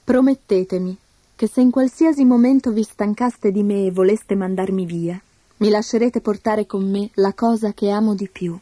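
A woman voicing a clever young peasant girl in a storybook, speaking gently and politely with a sly edge. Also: medium pitch, moderate pace, no echo, natural voice. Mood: calm, sly.

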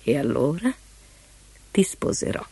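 A woman voicing a greedy, stern king in a fairy tale, in a measured and sometimes hushed way, with music playing behind. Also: sits low, big pitch swings, vocal fry, full character voice. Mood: commanding.

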